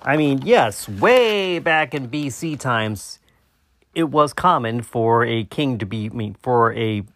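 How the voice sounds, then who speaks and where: A man hosting a solo debunking podcast, explaining his points haltingly and often rewording himself mid-sentence. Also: mid-range voice, animated, a bit bright, no room sound. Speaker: podcast host.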